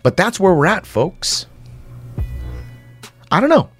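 A man delivering an impassioned, sarcastic monologue to listeners like a conspiratorial late-night rant, with rhetorical questions, repetition and dramatic pauses. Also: sits high, sing-song, a bit bright, faint music behind. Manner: dramatic pauses and repeated phrases. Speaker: commentator host.

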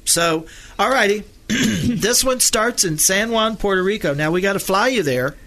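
A man co-hosting a radio travel show, chatting casually and rambling a little, clearing his throat now and then. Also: sits high, animated, normal speed, pushed and bright.

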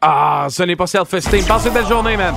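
A man with a Québécois accent hosting a morning radio show, running a phone-in game with quick, teasing banter. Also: high-pitched, creaky, over music. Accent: Québécois French.

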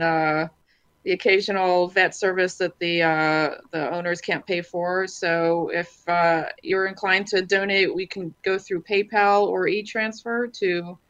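A woman giving a casual radio interview as a guest, speaking haltingly with many filled pauses. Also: mid-range voice, a bit bright, smooth, lo-fi sound. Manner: hesitant, halting, frequent long filled pauses. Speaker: interview guest, charity organiser.

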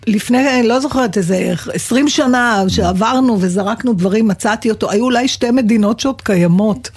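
A middle-aged woman from Israel co-hosting a radio show, chatting casually and telling lively stories with frequent laughter. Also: on the high side, husky. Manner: lively, storytelling, laughs often. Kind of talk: casual chat.

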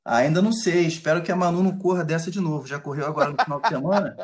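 A man with a Brazilian accent giving casual football analysis as a reporter, in halting, pieced-together phrases. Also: a little high.

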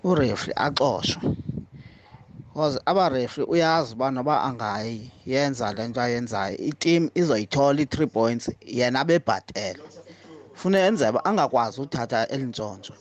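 A man's voice: mid-range voice, expressive, normal speed. A South African man calling in to a sports show with casual, firm opinions.

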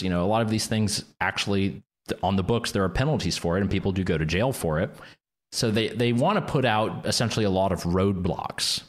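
Deep-voiced man explaining tech policy. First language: not English, speaks three languages. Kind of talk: policy discussion.

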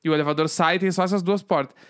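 A man from Rio do Sul, co-hosting a casual chat and telling a long rambling story in a loud, relaxed way. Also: a little high, very fast, clean tone. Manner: speaks loudly, by his own account.

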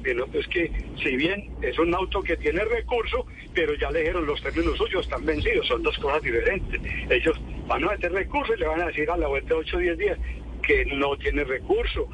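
A man's voice: a little high, fairly bright tone, slight background noise, low-quality recording. A man with a Colombian accent explaining things as an interview guest, courteous and colloquial. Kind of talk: explanatory radio interview answers.

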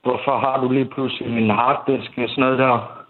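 Halting young man on a tinny line. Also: medium pitch, flat delivery. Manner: halting, swears, many restarts and fillers. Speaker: interviewee. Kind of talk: candid interview about family conflict. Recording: tinny phone-like sound.

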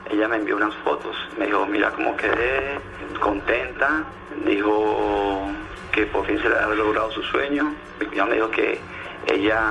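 Man, fast, gravelly, plain-spoken and distressed, heard over radio audio. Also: lowish voice, low-quality recording. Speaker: interviewee, husband of the deceased. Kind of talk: recorded news soundbite.

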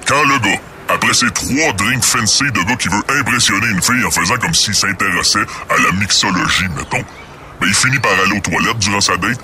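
A man's voice: on the low side, brisk, pushed and bright, slight background noise. A man with a Québécois accent voicing a crude, boastful ex-professional droplet through a voice changer that disguises his voice, in a comedy radio sketch. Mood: smug. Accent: Québécois French.

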